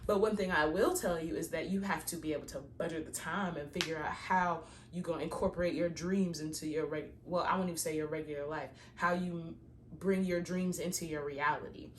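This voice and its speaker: A woman's voice: low voice, steady tone, fairly quick, slight background noise. A woman reading tarot cards and giving a casual, preachy pep talk, encouraging listeners to plan and believe in their dreams. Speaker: tarot reader.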